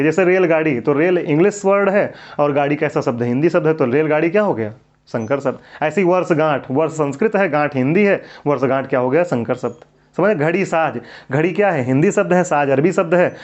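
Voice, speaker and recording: A man teaching Hindi grammar in an exam-prep lecture, who keeps asking questions and then answers them himself. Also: a little high. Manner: drills students with repeated questions and answers. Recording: dull lo-fi recording.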